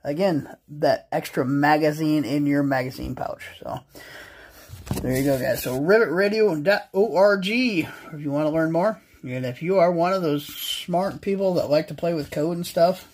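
An American man in his thirties, a vlog host and ham radio hobbyist, explains things in a casual, folksy, slangy, plain-spoken way. His voice is a little high and a little mellow, at a moderate pace, with faint outdoor ambient noise in the background.

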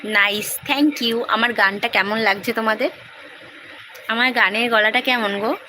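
Soft-spoken woman live-streaming. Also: fairly high pitch, measured pace, a little hiss or hum. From Hooghly, West Bengal, India. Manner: speaks softly while her son sleeps. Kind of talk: casual live-stream chat reading comments.

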